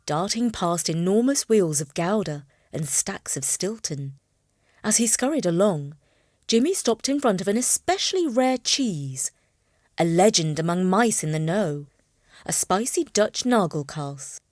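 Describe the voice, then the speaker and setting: A woman narrating a children's storybook in an expressive, playful reading. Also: mid-range voice, dry recording, studio quality.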